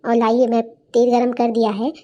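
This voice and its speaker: A frustrated, overworked young daughter-in-law in a cartoon story, voiced by a woman. Her voice is high and mellow, and she speaks in a plaintive, complaining way. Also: completely flat delivery, normal speed, lo-fi sound, lightly acted. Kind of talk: cartoon voice acting.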